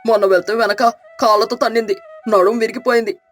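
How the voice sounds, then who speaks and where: A woman's voice: a little high, steady tone, fairly quick, soft background music, lightly acted. A woman voicing a timid, frightened village man in a storybook tale, speaking in a fearful, pleading way.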